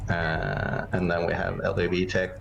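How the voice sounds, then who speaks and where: This is a man with a low voice and an accent from outside English, co-casting a strategy game match. He rambles, piling up fillers and restarts. Steady noise sits under the recording. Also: moderate pace, gravelly, highs cut off. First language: not English. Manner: rambling, many fillers, laughs often. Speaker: co-caster and player. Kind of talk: casual game commentary.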